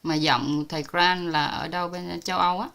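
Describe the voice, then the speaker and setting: A woman's voice: fairly low pitch, steady tone, brisk, gravelly, a bit bright. A woman from Vietnam hosting a casual video call chat, talking freely and laughing often. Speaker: host.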